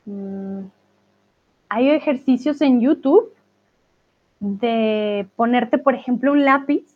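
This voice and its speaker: A woman teaching Spanish in a live class, answering viewer chat and laughing often. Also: a little high. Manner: laughs often, speaks slowly and clearly. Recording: tinny phone-like sound.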